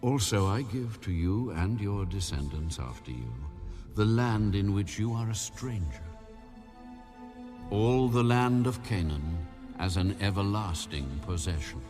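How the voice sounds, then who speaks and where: A man playing a solemn, commanding God in a dramatized audio Bible, speaking slowly and with authority. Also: on the low side, animated. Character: Almighty God, solemn, commanding ancient male deity. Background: background music.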